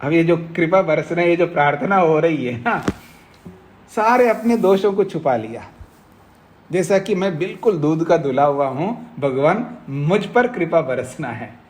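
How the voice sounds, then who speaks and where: Middle-aged swami lecturing students, fairly high-pitched man, repeats points and checks that the class follows. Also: animated. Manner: explains slowly with repetition and questions to the class; acts out both sides of a debate in raised tones. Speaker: swami teaching philosophy. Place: ashram classroom.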